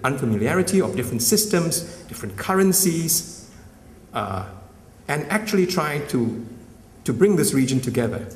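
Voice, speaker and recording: A man delivers a conference keynote with an animated pitch that rises and falls freely. He keeps a middle pitch and drives his points home, often checking in with the crowd. His voice comes from a distance and rings through a large, reverberant hall. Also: slight background noise. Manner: emphatic, often tags lines with "right?". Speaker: summit speaker. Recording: echoey hall, mic at a distance.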